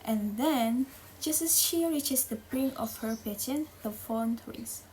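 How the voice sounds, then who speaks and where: A woman student reading a romantic short story aloud in a slow, gentle way. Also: a little high, slight background noise, poor audio. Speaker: student reader. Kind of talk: story narration.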